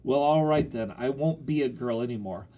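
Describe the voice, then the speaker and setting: A man voicing a defiant young tomboy girl who shouts when upset. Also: medium pitch, normal speed, close to an everyday voice, poor audio. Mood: furious. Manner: shouting, arms flailing.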